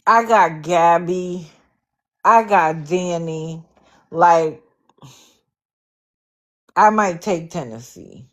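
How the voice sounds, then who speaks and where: A woman from Connecticut hosting a livestream, giving sarcastic, animated commentary. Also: fairly low pitch, drawn-out words, long pauses. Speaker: livestream host.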